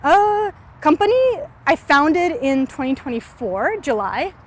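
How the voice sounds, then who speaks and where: Walking down a city street, a twenty-something woman from California chats in an interview about her startup. She speaks at a measured pace in a high-pitched voice with big swings in pitch. Thoughtful in manner, she leans heavily on fillers like "um" and "like."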